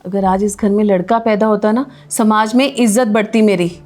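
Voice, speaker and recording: A woman's voice: medium pitch, steady tone, moderate pace, a little mellow, close to an everyday voice. A woman playing a domineering mother-in-law who scolds and commands her family in a short film. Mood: scolding. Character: harsh domineering mother-in-law, grandmother figure. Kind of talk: Hindi short film acting.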